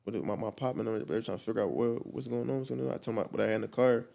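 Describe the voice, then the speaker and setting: A man's voice: mid-range voice, very fast, creaky, warm tone. A young man speaking as a guest, telling his story in slangy, profane talk full of restarts. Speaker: guest artist. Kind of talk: candid storytelling interview.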